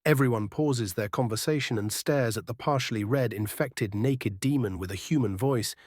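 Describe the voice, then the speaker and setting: A man's voice: medium pitch, normal speed, darkish tone, no room sound, studio quality. A man reading scripted fantasy narration as a storyteller.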